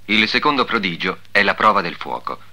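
In a lowish, expressive voice with a sharp tone and brisk pace, a man narrates in the solemn, formal, declamatory style of a 1950s devotional documentary. The old 1950s soundtrack carries music behind him.

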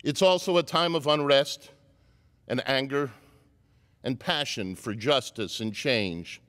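Male commencement speaker, wry and joking, mid-pitched, long hall reverb. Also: takes it slowly, fairly bright tone. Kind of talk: commencement speech.

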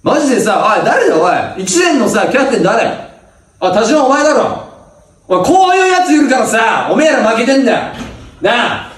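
A man acting a bossy high school senior athlete who barks rough orders at juniors in a comedy sketch. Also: big pitch swings, a little fast. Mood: domineering. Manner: barking rough orders, berating. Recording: echoey room, mic from a distance.

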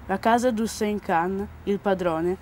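A woman's voice: mid-range voice, a little slow, noisy background. Earnest teenage girl reading aloud. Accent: Italian. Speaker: student reader. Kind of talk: school news broadcast reading.

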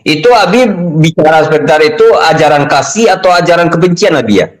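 A man's voice: fairly high pitch, animated, a little fast, poor audio. Man pressing questions in a debate. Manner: questioning, keeps saying "ya kan". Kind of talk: heated debate.

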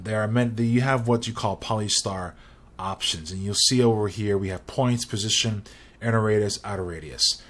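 A young man hosting a screen-recorded software tutorial, talking casually and rambling, often restarting his phrases. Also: on the low side.

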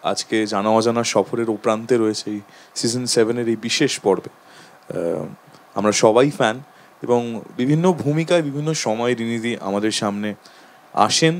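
A man hosting a talk show, speaking in a thoughtful, halting way with many pauses and fillers. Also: medium pitch. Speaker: host. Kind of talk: casual chat.

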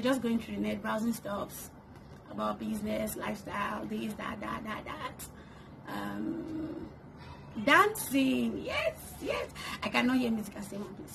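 A woman's voice: a little high, very animated, unhurried, gravelly, noisy background. A woman in her twenties talking playfully to the camera in a get-to-know-me vlog, laughing often, recorded in her bedroom. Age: 20s. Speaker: YouTuber. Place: bedroom, indoors. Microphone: camera on a tripod in front.

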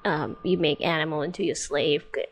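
A woman's voice: sits low, steady tone, moderate pace. A woman chatting casually as she tests a voice assistant, giggling often between her questions. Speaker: streamer testing a voice assistant. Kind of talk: casual chat.

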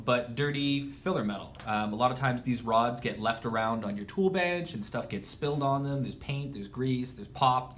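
Male instructor, easygoing workshop explainer, mid-pitched, light fillers. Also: a little hiss or hum. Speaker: welding instructor. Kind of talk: instructional demonstration. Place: welding workshop.

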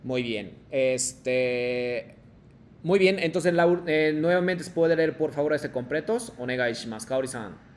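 Man, language teacher, video call, slightly higher voice, slow model phrases for repetition. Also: a little hiss or hum. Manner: models phrases slowly for students to repeat. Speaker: Japanese teacher. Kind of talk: online language class.

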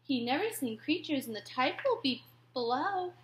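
A woman reading a rhyming children's story aloud, expressive and dropping to whispers at tense moments. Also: high-pitched, moderate pace. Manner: expressive, drops to whispers for suspense.

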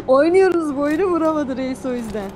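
A woman's voice: high-pitched, lively intonation, moderate pace, a little mellow, slight background noise. A woman co-player teasing her partner playfully in casual chat during a game.

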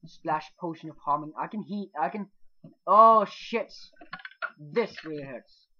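A man hosting a casual let's play, excitable, swearing and yelping when startled. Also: on the high side, fairly quick, a little hiss or hum. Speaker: gaming channel host. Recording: dull lo-fi mic.

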